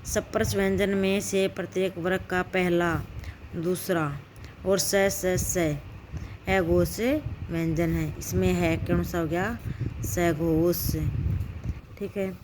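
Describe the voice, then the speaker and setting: A woman teaches a grammar lesson at an unhurried, deliberate pace, her voice sitting a little low. She keeps asking questions and answering them herself. A faint hiss of noise sits under the recording. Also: little pitch movement, darkish tone. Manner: slow and repetitive, asks and answers her own questions.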